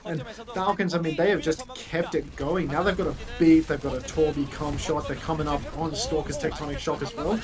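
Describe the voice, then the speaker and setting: A man's voice: a little high, steady tone, brisk, crowd noise. A man giving live esports play-by-play as a caster, full of slang and chatty asides.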